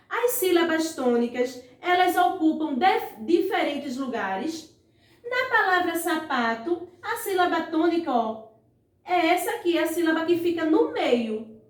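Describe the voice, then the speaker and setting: A woman with a very high voice teaches a primary school lesson online, stretching words out slowly syllable by syllable. She often prompts her pupils to look with little calls like "ó" and "vejam só". The room is echoey, and she's recorded from a distance, away from the mic.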